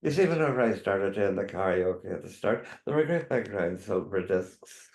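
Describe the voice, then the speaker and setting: A man's voice: sits low, expressive, moderate pace, a little mellow. An older man with a Northern Irish accent, a drag performer reminiscing in a rambling, chatty way as an interview guest. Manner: rambling, chatty storytelling with repeated tags. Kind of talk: casual reminiscing chat. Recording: echoey room.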